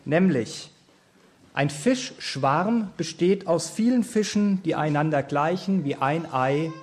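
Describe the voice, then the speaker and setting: A man in his thirties gives a sermon, earnest and explaining. His voice sits a bit high for a man. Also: expressive, takes it slowly. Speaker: preacher.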